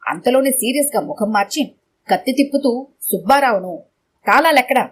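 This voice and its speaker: A woman narrating a comic audio story in a lively storytelling manner. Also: fairly high pitch, fairly quick, husky.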